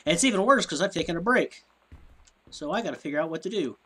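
A man's voice: on the high side, expressive, fast, pushed and bright, husky. A man with a stuffy, sniffly nose, muttering to himself and rambling in puzzlement as he hosts casual let's-play commentary at a desk microphone. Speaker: gameplay video host.

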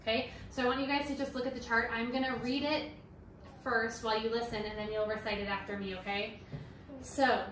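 Patient homeschooling mom teaching Latin. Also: female voice, on the high side, level tone, a bit bright. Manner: patient, quizzing with quick okays and rights. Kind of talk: casual teaching at a kitchen table. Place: home kitchen. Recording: roomy, distant mic, faint noise.

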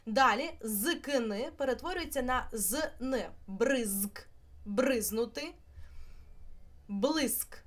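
A young woman teacher leads an online lesson with a fairly high voice. She talks in a lively way and spells out each example word clearly for her students. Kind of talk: online exam-prep lesson.

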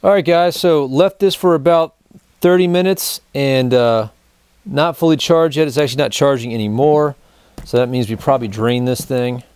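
A man in his thirties, host of a gear review show, talks viewers through a product on camera in a relaxed, colloquial style, calling them "guys." He speaks at a moderate pace in a smooth, slightly mellow, medium-pitched voice, with no room sound in the dry indoor studio with its backdrop.

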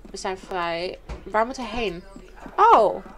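A woman commentating a video game, excitable and reacting loudly to what happens. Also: medium pitch, a little slow. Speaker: gamer. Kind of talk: let's play commentary. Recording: game music behind the voice.

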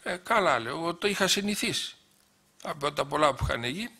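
High bright-voiced man telling stories. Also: lively intonation, husky. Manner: anecdotal, quotes dialogue with many "he says" asides. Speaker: guest speaker recounting memories. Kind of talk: storytelling talk.

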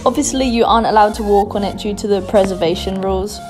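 A woman's voice: mid-range voice, quick pace. Australian woman narrating a travel vlog. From Darwin, Australia. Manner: chatty, upbeat, giving tips. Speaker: travel vlogger. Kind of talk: scripted travel voice-over. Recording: voice-over with loud background music.

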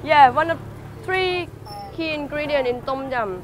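A young female chef explains ingredients in simple, upbeat English during casual chat on a cooking show. Her voice is high-pitched and fairly bright at a normal speed, captured on a camera mic with music in the background.

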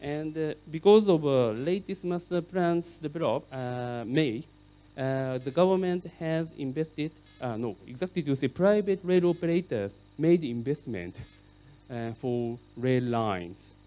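A middle-aged man whose first language is Japanese gives a conference keynote lecture in English, speaking haltingly with many fillers. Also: on the high side, warm tone, soft background music. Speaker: keynote speaker on urban rail.

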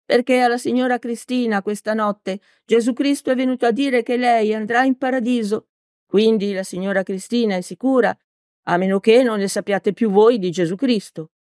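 A woman reading an audiobook, voicing a frail, stern and proud old woman schoolteacher in a high, scolding voice. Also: moderate pace, darkish tone, no room sound, studio quality, close to an everyday voice. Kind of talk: audiobook character voice.

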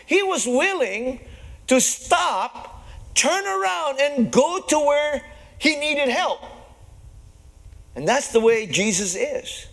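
High-voiced pastor chuckling through his sermon. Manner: chuckles often between phrases; calls out to the congregation. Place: church service before a live congregation.

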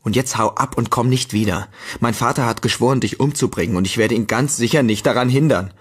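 A man's voice: mid-range voice, a little fast, breathy edge, natural voice. A man reading a bitter, threatening young man. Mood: cold menace. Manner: cold, curt and menacing.

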